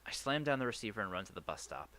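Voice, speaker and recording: During a let's play, a man with a lowish voice reads a visual novel's first-person narration rapid-fire, sounding earnest and lively despite some stumbles. Faint game music sits behind him, and the background is noisy.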